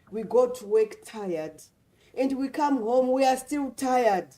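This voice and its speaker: A woman's voice: mid-range voice, warm tone, rough recording. A woman from Zimbabwe speaking earnestly as a guest on a livestream panel, in a repetitive, motivational way. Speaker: guest speaker, nurse and business mentor.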